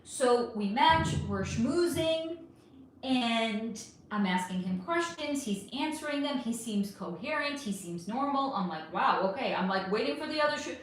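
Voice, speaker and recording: A woman hosting a livestream, telling dating stories in an animated, blunt way with some swearing. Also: a little high, measured pace. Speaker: spiritual reader and livestream host. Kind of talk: casual livestream storytelling. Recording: very echoey room, faint noise.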